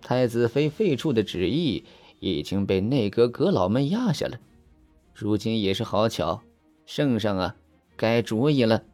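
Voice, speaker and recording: A storyteller voicing a young male palace eunuch, smug and officious, who speaks in a slow, pompous drawl in an audiobook. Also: medium pitch, expressive, darkish tone, soft background music, voice pushed down, natural voice.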